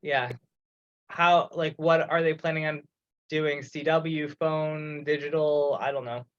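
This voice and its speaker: Over a remote teleconference call, a project organizer on a committee speaks casually, thinking aloud with some hesitation. His fairly high voice is a bit bright, slow and fairly even in intonation, and the call audio is dull and lo-fi.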